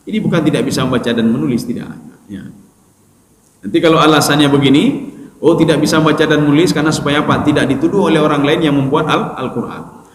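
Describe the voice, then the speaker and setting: A male preacher giving a conversational sermon, often addressing listeners directly and acting out dialogue with sharp jumps in pitch. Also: fast. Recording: echoey hall with faint ambience.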